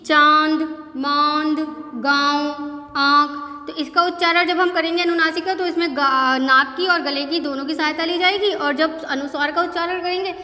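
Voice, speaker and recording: A woman teacher with an Indian accent, explaining a lesson slowly and patiently, often checking in with the class and mixing in English words. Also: very high voice, pushed and bright. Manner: slow, patient explaining with frequent "ठीक है" check-ins. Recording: echoey room with long reverb.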